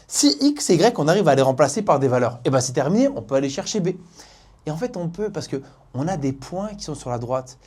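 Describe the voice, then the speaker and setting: A woman's voice: fairly low pitch, mellow, husky. A woman with a Norman French accent teaching a math lesson, playful and speaking directly to the student.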